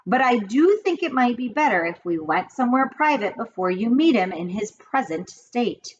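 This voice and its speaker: A woman's voice: a little high, very animated, normal speed, pitched above the performer's own voice. A woman voicing a patient, firm grandmother over sixty. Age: older. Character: calm determined grandmother. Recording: dull lo-fi with faint hiss.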